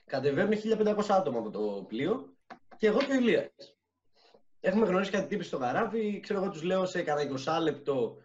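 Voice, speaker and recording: Animated man with muffled call audio. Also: sits high. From Greece. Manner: animated storyteller, laughs often. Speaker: podcast co-host. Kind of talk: casual banter among comedians.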